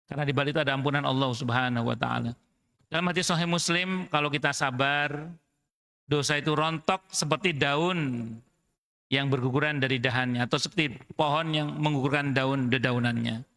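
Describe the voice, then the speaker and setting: A man preaching at a mosque study session. He talks in a lively, folksy way and mixes in phrases. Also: mid-range voice, fairly quick. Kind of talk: religious study talk.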